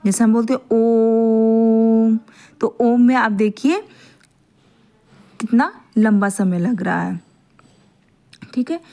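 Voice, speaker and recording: A woman teacher giving a grammar lesson who repeats her points, often adds a quick checking "okay", and slowly draws out vowel sounds to demonstrate them. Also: on the high side, gravelly, darkish tone.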